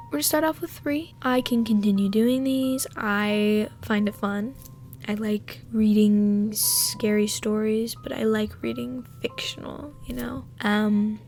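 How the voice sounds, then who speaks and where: A woman host reading a scary story aloud in a hushed, often whispered voice, then chatting casually with fillers; her voice is husky. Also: a little high.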